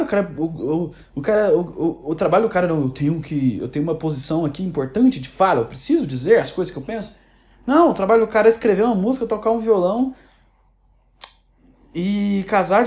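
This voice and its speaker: A woman's voice: fairly low pitch, dark tone. A woman with a Brazilian accent ranting casually as an online commentator, sarcastic and rambling with many restarts. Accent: Brazilian Portuguese. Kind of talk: casual opinion rant.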